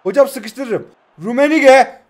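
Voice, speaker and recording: Young guy with a high voice joking around while playing a football game, teasing chat and calling plays. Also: slow pace. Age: 20s. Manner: joking, teasing self-talk; excited play-by-play. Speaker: mobile football game commentator. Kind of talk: casual gameplay commentary.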